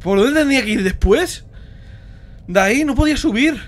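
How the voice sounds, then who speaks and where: A young man from Spain with a Spanish accent, streaming a horror game live, often panicking and screaming with rapid repeated words. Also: very high voice, expressive.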